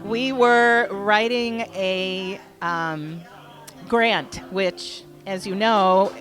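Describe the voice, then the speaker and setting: Female speaker at a live memorial event, animated anecdote, faint music underneath. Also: mid-range voice, very slow. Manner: fond, animated storytelling. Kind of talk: storytelling tribute speech.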